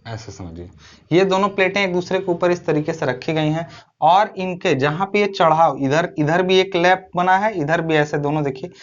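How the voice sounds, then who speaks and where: A man's voice: high voice, moderate pace, muffled recording. A man teaching a recorded online lecture, explaining step by step, asking his own questions and answering them, and often checking in with short tag phrases. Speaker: civil engineering teacher.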